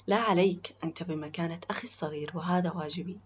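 A woman's voice: on the low side, quick pace, highs cut off, a little hiss or hum, close to an everyday voice. A woman voicing a kind, protective young man who reassures his younger friend. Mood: reassuring. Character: kind, loyal older male coworker, protective.

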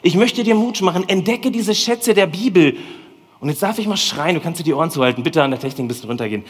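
A man preaching a lively, colloquial sermon in a church hall, speaking directly to the congregation. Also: high-pitched, fast, husky. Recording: long hall reverb.

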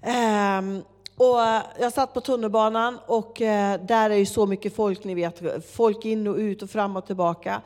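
A woman preaching a sermon, telling a story with lively acted-out dialogue. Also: medium pitch. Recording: long hall reverb.

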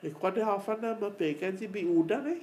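A man's voice: high voice, fast. A man with a Chamorro accent talking casually and emphatically as a podcast guest, often repeating his words. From Mariana Islands. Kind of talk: casual conversation mixing English and Chamorro. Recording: steady background ambient noise.

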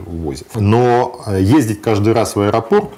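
Being interviewed about his travels, a man offers practical, no-nonsense advice, often hesitating as he talks. His fairly low, warm voice is expressive and moves at a normal speed, and the exchange is conversational.

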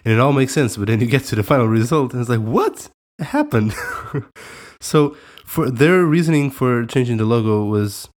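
A young man from Portugal, speaking with a Portuguese accent, co-hosts a relaxed podcast chat in a medium-pitched voice at normal speed. He hesitates casually and laughs frequently.

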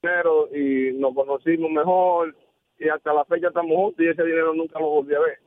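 A man phones in to a talk show, chatty and quick to laugh. His fairly high voice comes through a thin, tinny phone line with no room sound. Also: fairly even intonation, no echo. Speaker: phone-in caller. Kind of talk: casual phone call.

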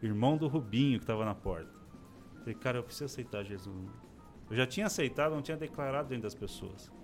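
A man in his forties speaks as an interview guest, telling a personal story in relaxed conversation. He talks expressively and slips into the voices of the people he quotes. His voice sits at an ordinary pitch, with faint music in the background. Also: fast. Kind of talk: casual chat, personal testimony.

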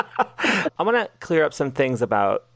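A man's voice: fairly high pitch, very animated, measured pace, gravelly, fairly bright tone, no echo, studio quality. An American man hosting a casual interview, asking playful, teasing questions and laughing often. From United States. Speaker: podcast host.

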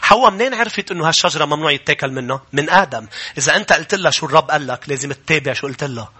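Racing along in a fairly high, slightly rough voice, this pastor with a Lebanese Arabic accent addresses his congregation in church. He quotes scripture and asks them questions in animated style, building to loud, urgent preaching.

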